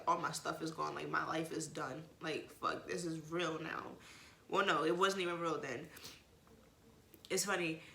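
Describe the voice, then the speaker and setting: Woman vlogging about her life, blunt and sweary, bright forceful voice, roomy echo. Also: on the low side, creaky. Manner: frank, profane, emotional, rambling. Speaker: vlogger sharing personal story. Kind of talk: casual storytelling, guided meditation talk.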